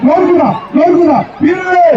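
Through a PA loudspeaker at an outdoor arena full of people, a man announces a bull-taming event live, firing off shouted calls and repeating himself. The voice is high and strained yet steady in tone. It comes across distant, echoey and muffled, mixed with crowd noise.

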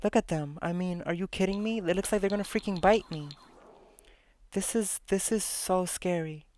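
Young woman, gameplay host, casual chatty commentary, excitable, lowish voice. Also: moderate pace. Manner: chatty, excitable, exclaims and repeats herself. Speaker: let's play host.

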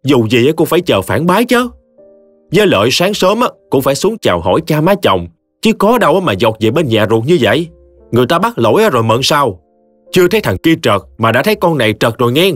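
Brief: male narrator voicing a reproving older brother with a Southern Vietnamese accent, lively pitch, dry sound. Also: fast, no room sound, faint music behind. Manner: reproving, reasoning. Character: stern level-headed older brother, man.

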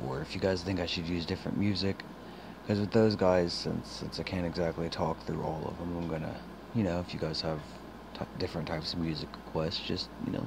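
A man with a very deep voice talks casually to his viewers in a late-night vlog. His speech is full of gravelly creak and wanders in a low-key, hesitant way. A clear noise runs behind him in the recording. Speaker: vlogger with a gaming channel. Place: small dark room indoors at night. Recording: clear steady background hum and noise.

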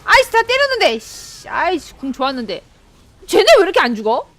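A woman streaming a game, excitably commenting, yelping and chattering at her own play. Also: high-pitched, brisk. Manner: excitable, yelps and chatters at the screen. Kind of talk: live gameplay commentary.

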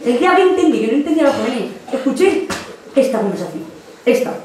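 High-voiced sarcastic Spanish woman on stage. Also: quick pace, slight background noise. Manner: sarcastic, animated storytelling. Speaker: youth group monitor doing a monologue. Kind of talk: stand-up comedy monologue. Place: theatre stage with live audience. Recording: echoey hall from far off, audience.

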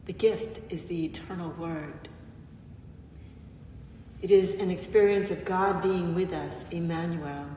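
A woman pastor giving a gentle, reflective sermon with frequent pauses, recorded in a church sanctuary from a distant mic. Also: on the low side, steady tone, a little hiss or hum. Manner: gentle, reflective, pausing often. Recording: echoey church, mic far off.

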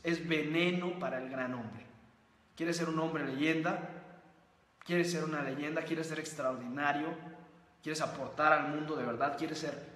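A man's voice: on the high side, a bit bright. A man hosting a motivational livestream, speaking emphatically and repeating phrases and rhetorical questions. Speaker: host of a live book-review stream. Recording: echoey room with long reverb.

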